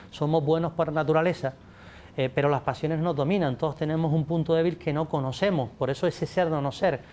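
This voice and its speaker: Slight background noise sits under this guest's voice, which runs on the high side and sounds a little mellow. He's a literature scholar in his forties, a native English speaker, fielding interview questions on literature at a pink-backdrop studio set via a table mic. Lots of restarts and gestures mark his answers, and he addresses the audience.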